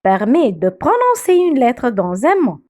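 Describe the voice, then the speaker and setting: A woman teaching beginner French pronunciation, saying each word slowly and repeating it several times. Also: fairly high pitch, wildly swooping pitch, a little mellow.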